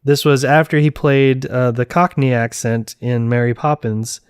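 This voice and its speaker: A man co-hosting a casual musicals podcast, playful and quick to laugh, trading jokes with his co-host. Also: medium pitch, steady tone, smooth, no room sound, clean studio sound. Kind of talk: casual chat.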